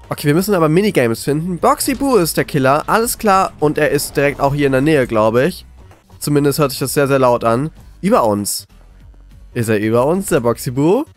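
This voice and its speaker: Excitable, scared horror game streamer, animated man. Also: mid-range voice. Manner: excitable, jittery, repeats words. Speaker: gaming video creator. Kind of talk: scared horror game commentary, reacting live.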